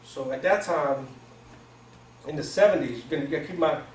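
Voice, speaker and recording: In a brisk, slightly high voice, a man gives a loose, street-smart motivational talk to a handful of people. Born in Pakistan and brought up in Virginia, he is in his forties and speaks English as a second language. A camera mic at a distance records him in a small, echoey conference room with plenty of noise.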